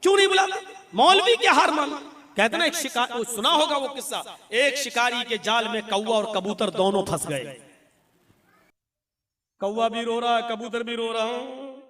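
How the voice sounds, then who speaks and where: A man preaching an Islamic sermon. He speaks in an animated, joking way, tells anecdotes, and rises to loud exhortations. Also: very high voice, moderate pace, recorded from a distance. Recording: echoey hall.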